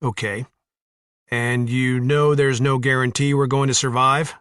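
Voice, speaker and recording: A man's voice: medium pitch, flat delivery, a little slow, fairly bright tone, clean tone, no echo, pitched above the performer's own voice, natural voice. A man voicing a tough ex-soldier in an audiobook, blunt and teasing in a dry way. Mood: wry teasing. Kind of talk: audiobook character voice.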